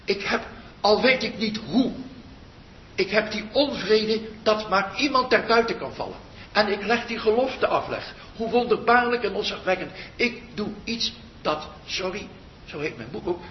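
An older man, a meditation teacher, giving a slow reflective spiritual talk that pauses often and trails off softly. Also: expressive. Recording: muffled roomy recording with faint rumble.

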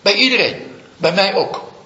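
High bright-voiced man giving a dharma talk. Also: animated. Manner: slow, reflective storytelling. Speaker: Zen teacher. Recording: echoey room, dull lo-fi sound.

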